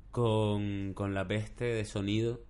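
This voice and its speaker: A man's voice: on the low side, flat delivery, very slow, clear, resonant tone. A middle-aged man, chatting casually as a podcast host and telling rambling stories. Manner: rambling, storytelling with shouted impressions. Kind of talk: casual chat.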